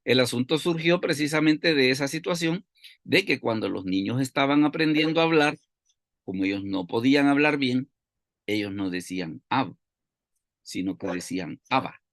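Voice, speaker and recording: A man's voice: medium pitch, normal speed, dry recording, clean studio sound. A man teaching a Bible study lesson, explaining step by step and asking and answering his own questions.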